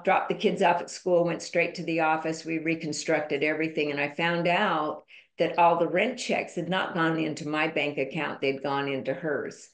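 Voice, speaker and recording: A woman guest on a podcast, telling a personal story in an emphatic, candid way. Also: deep voice. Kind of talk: conversational storytelling interview. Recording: roomy echo.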